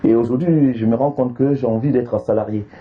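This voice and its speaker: A man's voice: medium pitch, a little fast. A man from Côte d'Ivoire, a guest artist in an interview, talking with frequent hesitations and restarts. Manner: hesitant, with many fillers and restarts. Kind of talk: interview conversation. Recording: slightly dull, faint background noise.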